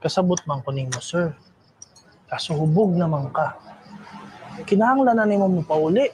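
A man's voice: a little high, lively intonation, normal speed, darkish tone, slight background noise, lightly acted, poor audio. A man with a Cebuano Filipino accent playing a polite, patient bartender at an open-air bar in a naturalistic film drama. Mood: patient, coaxing.

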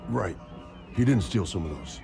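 An actor playing a hulking, literal-minded male warrior who speaks in a deadpan way. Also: sits low, moderate pace, over loud music. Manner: deadpan, gravelly, flat literal delivery. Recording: film soundtrack with loud score.

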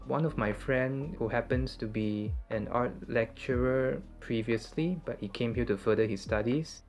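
20s guy from malaysia, calm and soft-spoken, bit of music under it. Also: mid-range voice. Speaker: art tutor guest. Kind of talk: direct-to-camera interview answers. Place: indoor room, plain wall.

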